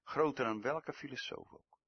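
A man preaching a sermon, swinging from loud emphatic outbursts to hushed, low passages. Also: normal speed, husky, muffled recording.

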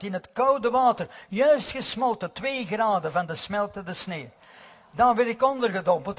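A man's voice: high-pitched, a bit bright. A man preaching a sermon earnestly, repeating key words for weight. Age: 90s. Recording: dull, reverberant hall recording.

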